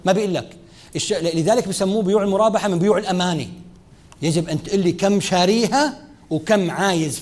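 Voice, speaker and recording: Rapid, lively lecturer, a man. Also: high-pitched. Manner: lively teaching, speaking straight to students, mixing formal and dialect Arabic. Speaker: lecturer on Islamic finance. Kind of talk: classroom lecture.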